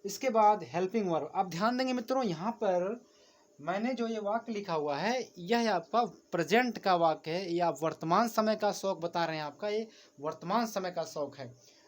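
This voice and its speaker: Speaking at a moderate pace in a voice that sits high, a male English teacher works through a grammar lesson at the board. He goes over each point patiently more than once, frequently addressing viewers as his friends.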